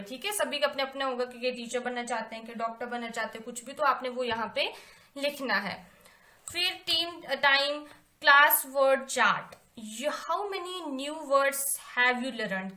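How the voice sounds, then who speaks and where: A young woman teaching a primary school English lesson, reading English sentences slowly and explaining them step by step, often checking in with her pupils. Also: high-pitched, sharp tone, roomy sound. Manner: slow, careful reading of English sentences aloud; repeats points and checks in with "theek hai".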